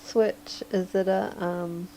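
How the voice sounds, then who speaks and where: A hoarse, sleepy woman rambles through a casual livestream chat as she draws, chuckling often. Her voice is gravelly and mellow, and she talks in an unhurried drawl. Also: mid-range voice, a little hiss or hum. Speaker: livestreaming digital artist.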